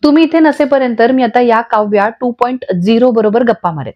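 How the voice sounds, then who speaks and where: A woman's voice: fairly high pitch, brisk, natural voice. A woman voicing a playful young husband who teases lightly. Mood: dreamy. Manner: teasing, light. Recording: dull lo-fi audio.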